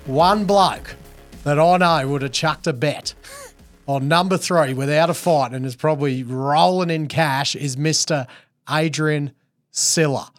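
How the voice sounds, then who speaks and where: An Australian man co-hosting a casual mining podcast, loud and jokey, slipping into race-caller bursts. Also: on the high side, unhurried, soft background music. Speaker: podcast co-host. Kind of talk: casual chat.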